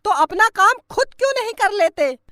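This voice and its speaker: A woman voicing a sharp-tongued mother who mocks her husband and dotes on her son in a homemade comedy skit. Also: extremely high pitch, animated, moderate pace, no room sound, studio quality, exaggerated voice. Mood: taunting. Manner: taunting, mocking, coddling. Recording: background music.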